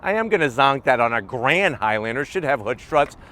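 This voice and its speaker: Animated and sharp-toned, this mid-range male voice moves at a moderate pace as he hosts an outdoor walkaround car review. He speaks to camera in a punchy, colloquial way, leaning on rhetorical questions and catchphrases.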